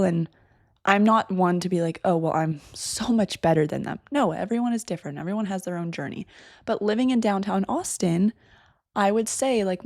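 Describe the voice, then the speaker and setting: A woman's voice: lowish voice, darkish tone, dry recording, clean studio sound. Chatty congested young woman podcaster. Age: 20s. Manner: chatty and rambling, lots of "like" and "um". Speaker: podcast host. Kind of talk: casual solo podcast chat. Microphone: desk microphone.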